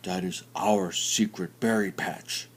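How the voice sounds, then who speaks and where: A man's voice: fairly even intonation, slow pace, husky, full character voice. A man doing a sulky grumbling bear. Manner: low, sulky muttering. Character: grumpy punctual male bear.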